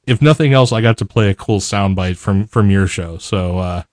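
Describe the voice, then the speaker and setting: A man co-hosting a podcast in easygoing chat. His voice sits a little low, and he keeps restarting with fillers. The sound is close and dry. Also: normal speed, no room sound. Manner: chatty, many fillers and restarts. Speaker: podcast co-host. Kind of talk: casual chat.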